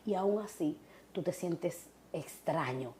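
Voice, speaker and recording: A woman's voice: lowish voice, lively intonation, slow pace, dark tone, slight background noise. A woman with a Dominican accent hosting a TV talk show, speaking in an emphatic, insistent way. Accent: Dominican Spanish. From Dominican Republic. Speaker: TV show host.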